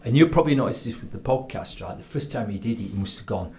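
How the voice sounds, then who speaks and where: A man's voice: mid-range voice, quick pace, a crowd in the background. A man with a broad Yorkshire accent talks into a studio podcast microphone. He tells stories as a guest, slipping into quoted voices and often asking "right?" to keep the listener with him. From Yorkshire, England. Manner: animated storytelling with acted quotes, frequent "right?". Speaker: professional public speaker, guest. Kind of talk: casual interview chat.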